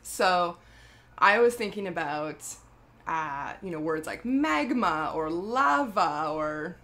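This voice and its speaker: A woman with a somewhat low voice chats casually about her skincare brand. She rambles and stops to correct herself, with plenty of fillers along the way. She often breaks into laughter in the middle of a sentence. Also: expressive, slow pace, a bit bright. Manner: chatty and rambling, many fillers and self-corrections. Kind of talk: casual product vlog.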